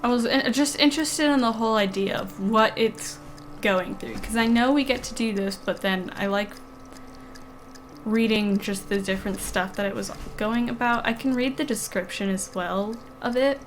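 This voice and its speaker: A woman with a fairly high voice talks casually and ramblingly while playing a video game. Wearing dental aligners gives her a slight lisp. Faint game music plays behind her. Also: normal speed. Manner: casual, rambling, reading game text aloud between remarks. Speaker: game streamer.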